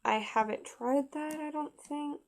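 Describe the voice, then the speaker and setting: A woman with a high-sitting voice walks through a craft project step by step in a casual tutorial. She's chatty and halting, restarting her sentences often.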